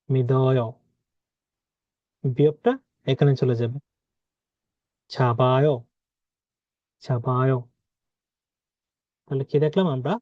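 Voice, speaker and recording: A man teaching a language lesson, explaining rules, asking questions aloud and repeating example words slowly. He is a native speaker of Bengali. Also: mid-range voice, dry recording, lo-fi sound.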